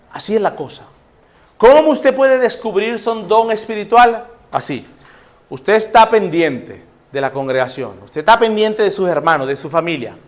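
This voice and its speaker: High-voiced Nicaraguan pastor preaching. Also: male voice, a bit bright. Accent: Nicaraguan Spanish. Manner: conversational, acting out scenes, rhetorical questions. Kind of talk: sermon.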